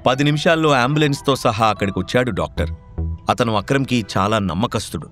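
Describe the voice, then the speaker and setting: A man narrating a dramatic audio story in an expressive way, over faint background music. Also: mid-range voice, quick pace. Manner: expressive, voicing every character.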